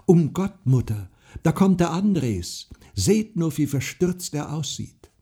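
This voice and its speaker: A man's voice: mid-range voice, measured pace, slightly rough, full character voice. A man voicing a bold, cheeky young peasant girl. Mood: spirited. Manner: lively and cheeky.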